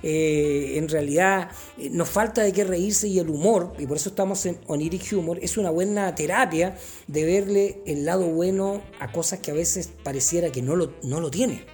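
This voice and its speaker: A man's voice: on the high side, moderate pace, a little mellow, soft background music. A man hosting a mock interview on a comedy show, playful in a formal tone.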